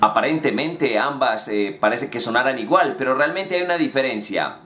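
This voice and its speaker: Male English teacher, lively up-and-down voice, slow careful examples, echoey room. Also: medium pitch, a little hiss or hum. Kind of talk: explaining English words in Spanish.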